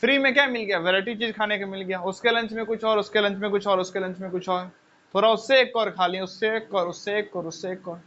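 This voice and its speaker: Male teacher, high and bright, chatty lecture, muffled lo-fi recording. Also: fairly even intonation, fast talker, a little hiss or hum. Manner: conversational, rhetorical questions, repeats phrases. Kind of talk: lecture with personal stories. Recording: dull lo-fi sound.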